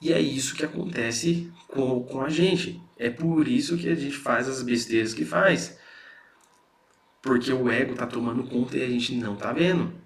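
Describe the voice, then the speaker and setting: A man's voice: medium pitch, moderate pace, gravelly. A man with a Brazilian Portuguese accent giving a casual spiritual lesson, explaining in a conversational way and often checking in with his listeners. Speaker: spiritual teacher.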